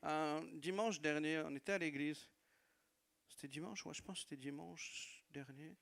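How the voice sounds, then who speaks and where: In a gravelly, slightly high voice at normal speed, a man with a non-native French accent preaches as a pastor. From a church hall he delivers a sermon testimony, warmly recounting his church's stories with laughs and repeated phrases.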